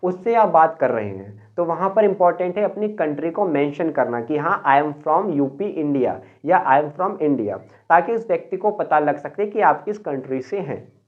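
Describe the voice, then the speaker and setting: A man from Uttar Pradesh, India, giving a spoken English lesson. He explains step by step and slows down to model each phrase. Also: a little high, animated. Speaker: English teacher. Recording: tinny phone-like sound.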